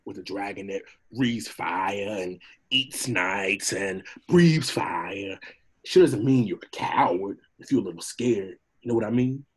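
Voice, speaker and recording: A man voicing a talkative, cowardly donkey in a read of an animated film script, with a husky voice and a jittery, rambling, wheedling manner. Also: medium pitch, fairly quick, few pauses, close to an everyday voice. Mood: nervous babbling.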